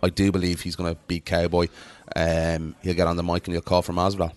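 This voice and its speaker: A man's voice: deep voice, monotone, quick pace. A man talking casually about sport as a podcast co-host and pundit.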